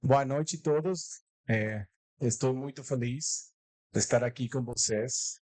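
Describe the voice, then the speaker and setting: A Mexican man whose first language is Spanish gives a live talk as a guest speaker at a corporate event, speaking Portuguese with a Mexican Spanish accent and dropping in Spanish words. His mid-range, slightly mellow voice moves slowly, he jokes at his own expense and laughs often, and there's no room sound.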